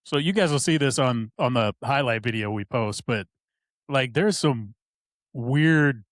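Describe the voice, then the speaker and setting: A man's voice: medium pitch, measured pace, no room sound, clean studio sound. A man co-hosting a podcast in casual chat, laid-back and swearing often. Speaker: podcast co-host.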